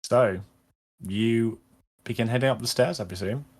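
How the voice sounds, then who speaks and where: A man narrating as game master in a tabletop role-playing session, describing scenes with frequent pauses and fillers. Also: mid-range voice, a little mellow.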